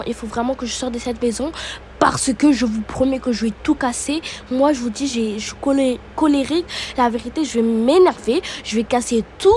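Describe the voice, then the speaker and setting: A furious young woman from a home-made reality-show role-play, as a woman voices her, ranting in quick heated bursts and stumbling over her words. Her voice sits fairly high. A faint hiss runs behind her. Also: darkish tone, lightly acted. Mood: seething. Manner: fast, heated, repeating herself.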